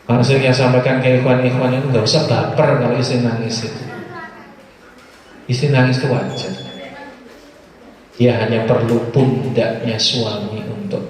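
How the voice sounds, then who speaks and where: A man's voice: medium pitch, flat delivery, normal speed, long pauses. A man preaching a casual sermon, chatty and teasing, and chanting his Arabic quotes. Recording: echoey hall from far off.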